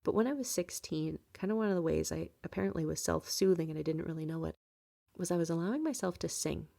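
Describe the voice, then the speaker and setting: A woman in her late twenties hosts a podcast from home, talking openly about her life in a personal, reflective monologue full of fillers and light laughter. Her voice is lowish, gravelly and mellow, and she speaks at a quick pace.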